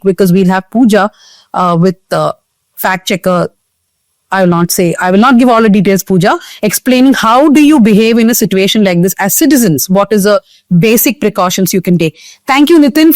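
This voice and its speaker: A woman's voice: mid-range voice, no echo. A woman with a South Indian English accent hosting a news discussion in an earnest, explanatory, conversational way. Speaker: host of a current affairs discussion show.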